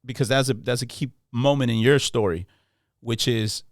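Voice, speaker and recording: A Los man hosts a casual podcast chat, loose and friendly, trailing into slang and restarting his sentences. His voice sits at an ordinary middle pitch. The sound is dry and close. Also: fairly even intonation, normal speed, no echo. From Los Angeles. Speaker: podcast host.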